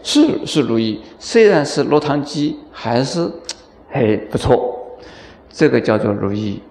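A man's voice: mid-range voice, sing-song, measured pace, darkish tone, roomy sound. A Buddhist monk teaching a dharma lecture, telling stories and acting out dialogue with chuckles, often asking his listeners questions. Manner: storytelling, acts out dialogue with chuckles; asks the audience questions.

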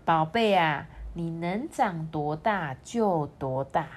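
A woman voicing a gentle mother chameleon in a picture book, speaking softly and soothingly. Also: lowish voice, unhurried, husky. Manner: soft and soothing.

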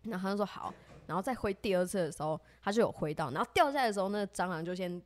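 A woman with a Taiwanese Mandarin accent, co-hosting a podcast and telling a story in an animated way, acting out what her friends said. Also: very fast. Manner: animated, acts out quoted friends with rising pitch. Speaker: podcast co-host. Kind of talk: casual storytelling chat.

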